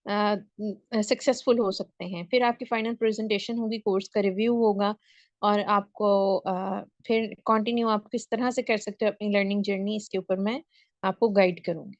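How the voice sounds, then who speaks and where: A woman's voice: medium pitch, steady tone, moderate pace, darkish tone, no echo. Pakistani lady teacher lecturing over a video call, keeps asking "ok?", dry lo-fi audio. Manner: explanatory, checks in with students often. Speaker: spoken English teacher. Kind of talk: online class lecture.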